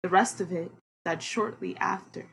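A woman poet reads her own work in a slow, measured voice and then chats as a guest, bubbly and excitable. A faint hiss sits behind her voice throughout the recording. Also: on the low side, vocal fry, rough recording. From Queens, New York. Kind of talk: poetry reading and interview.

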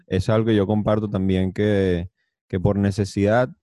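Low, mellow Venezuelan co-host. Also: male voice, flat delivery, moderate pace, no room sound, studio quality. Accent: Venezuelan Spanish. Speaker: podcast co-host. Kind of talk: casual chat.

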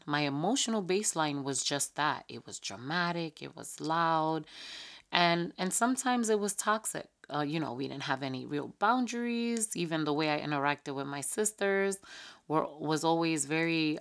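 A woman's voice: low-pitched, lively intonation, measured pace, a bit bright. A middle-aged woman from New York, hosting a podcast and talking earnestly in a conversational, reflective way, with many fillers and restarts. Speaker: podcast host. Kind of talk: reflective personal talk.

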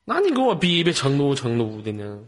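A man's voice: mid-range voice, huge pitch swings, a little fast, crowd noise. A man with a Northeastern Chinese accent hosting a live voice chat, bantering in a brash, teasing, profane and slangy way. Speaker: host of an online voice-chat audition. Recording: noisy online voice chat with clicks. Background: clear background noise and clicks.

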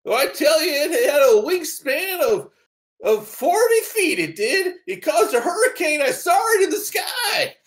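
A frantic grizzled old prospector. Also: male voice, very high voice, sing-song, unhurried, voice pushed up, full character voice. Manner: frantic shouting.

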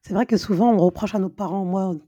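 A woman hosting a podcast in a casual interview chat, lively and quick to laugh when telling stories. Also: medium pitch, muffled recording. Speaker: podcast host.

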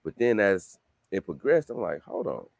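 A man in his late thirties, a guest author talking casually in an interview, loose and repetitive, jumping into excited bursts. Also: lowish voice, moderate pace, gravelly, no echo. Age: 30s. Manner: loose, repetitive, rising to excited bursts when quoting himself.

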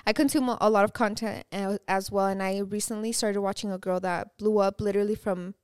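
A woman's voice: medium pitch, fairly even intonation, brisk, darkish tone, smooth, dry recording, studio quality. A woman, guest on a podcast, giving an earnest, encouraging motivational talk. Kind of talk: casual chat, giving motivation.

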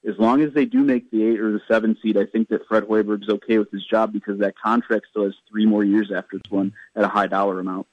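A man's voice: fairly low pitch, level tone, fast, hardly any pauses, no room sound. A man giving sports commentary as a guest analyst on live radio. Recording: dull, band-limited radio call-in sound.

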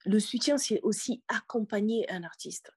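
A woman's voice: medium pitch, moderate pace, darkish tone, slightly rough, no echo, clean studio sound. A woman in her thirties from the Republic of the Congo, a singer speaking earnestly as a podcast guest, often repeating words. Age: 30s. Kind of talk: casual interview talk.

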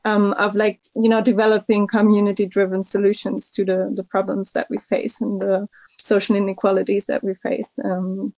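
A woman's voice: mid-range voice, monotone, normal speed, a little mellow, no echo. A woman from Hungary answers in a panel discussion in a thoughtful, hedging way. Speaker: panel guest from a foundation.

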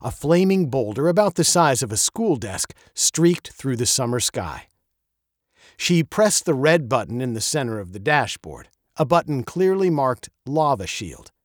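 A man reading a children's chapter book aloud in an expressive, playful storytelling manner. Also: unhurried, no echo, studio quality. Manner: expressive, playful storyteller with wide pitch swings. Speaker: audiobook narrator. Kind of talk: scripted storybook narration.

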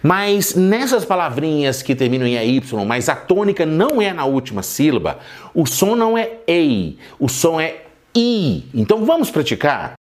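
Um homem, professor de inglês nativo de português, dando uma aula de pronúncia num podcast e repetindo cada palavra devagar e com clareza. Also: male voice, fairly high pitch, big pitch swings. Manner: clear, drawn-out model pronunciations. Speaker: English teacher. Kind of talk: podcast pronunciation lesson.

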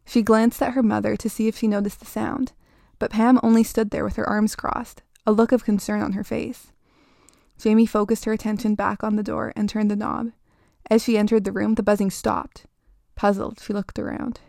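Woman storyteller reading horror, gravelly fry, dark tone, measured delivery. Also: mid-range voice, flat delivery, no echo, clean studio sound. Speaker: storyteller, podcast host. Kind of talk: scripted spooky story narration.

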